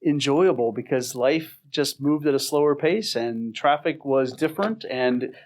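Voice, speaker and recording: A middle-aged man talking casually as a podcast co-host. His pitch sits in the middle, and he jokes about himself with a wry, self-mocking edge. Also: unhurried, darkish tone. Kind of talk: casual chat.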